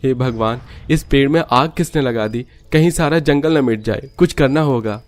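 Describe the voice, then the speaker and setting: A man's voice: medium pitch, normal speed, no echo, lightly acted. A man voicing a poor, weary woodcutter who is a family father and speaks in a humble, pleading tone, in storybook acting. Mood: worried.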